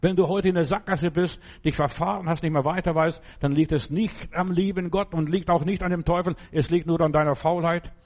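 Middle-aged male preacher, slightly high voice, emphatic exhortation with loud acted-out commands. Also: fairly even intonation, a little fast, hardly any pauses. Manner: exhortative, addressing listener directly with frequent "Ja?"; acts out quoted commands loudly. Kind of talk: sermon.

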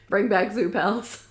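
A woman in her twenties co-hosting a casual chat, talking in a chatty way with lots of filler words and frequent laughs. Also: mid-range voice. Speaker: podcast co-host. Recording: echoey room.

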